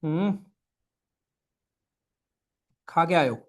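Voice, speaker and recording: A young man with a Hindi accent speaks a little fast in a fairly high, expressive voice while teaching an online class. In a relaxed, chatty way he calls students brothers and friends, restates key ideas, and regularly asks "right?"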